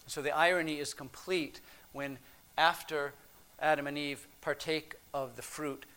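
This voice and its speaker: Man, preacher, sermon, high-pitched voice, expressive, hushed then emphatic. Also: a little slow.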